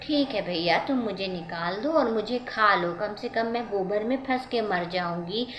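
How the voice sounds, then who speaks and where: A woman voicing a small, frightened but clever female sparrow in a children's story, pleading in a high, urgent voice. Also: measured pace, noisy background, lightly acted. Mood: desperate. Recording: roomy echo.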